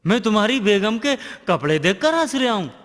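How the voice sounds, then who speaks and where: A man's voice: sits high, sing-song, moderate pace, fairly bright tone, in a large hall. A man playing a naive, boastful, jobless young fool in a comedy sketch. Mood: joking.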